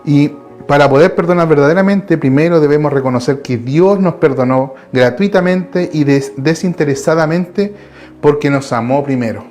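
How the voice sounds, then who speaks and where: A man's voice: fairly high pitch, normal speed, a little mellow, faint music behind. A man with a Chilean Spanish accent preaching a Bible study from his home, earnest and repeating his phrases. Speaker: lay preacher.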